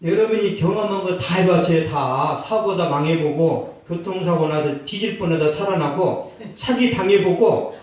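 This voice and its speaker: Male pastor, fairly high voice, emphatic storytelling sermon, echoey church sound from a distant mic. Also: moderate pace. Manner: storytelling with acted quotes, swings to loud emphatic outbursts. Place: church sanctuary.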